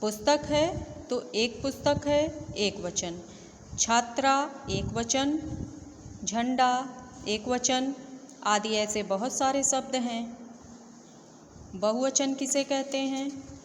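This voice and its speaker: A woman's voice: high-pitched, takes it slowly, pauses often, long reverb tail, a little hiss or hum. A woman who teaches Hindi gives an online grammar lesson for children, explaining patiently and repeating examples.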